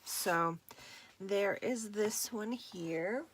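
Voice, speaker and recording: A woman showing her handmade journals in a casual vlog, relaxed and unhurried, with a husky morning voice and some throat clearing. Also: medium pitch, slight background noise. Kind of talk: casual show-and-tell vlog.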